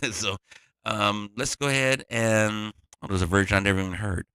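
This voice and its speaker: A man's voice: on the low side, steady tone, moderate pace, fairly bright tone, clean tone, dry recording. A man who produces music, talking casually through a tutorial, rambling and restarting his sentences.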